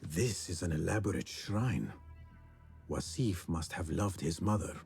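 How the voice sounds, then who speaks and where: A man playing a composed, observant assassin hero in a video game, measured and understated. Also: low voice, animated, gravelly, a little mellow, faint music behind, exaggerated voice. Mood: thoughtful.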